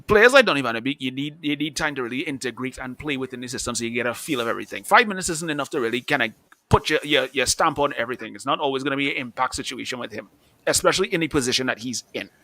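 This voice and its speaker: A man's voice: medium pitch, animated, very fast, sharp tone. A man in his thirties co-hosting a casual football chat, rambling with restarts and laughing easily. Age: 30s. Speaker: podcast co-host.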